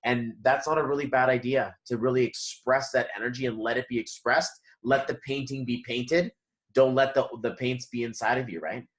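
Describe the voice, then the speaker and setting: A man's voice: medium pitch, steady tone, normal speed. A man giving a numerology reading in a loose, rambling chat, full of fillers and restarts. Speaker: numerology reader, guest. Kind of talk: casual spiritual chat.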